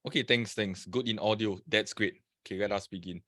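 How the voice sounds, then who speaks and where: A man's voice: on the low side, steady tone, fairly quick, sharp tone, dry recording. Male webinar presenter from Singapore, casual and chatty, greets viewers by name, dry computer-mic sound. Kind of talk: live webinar talk.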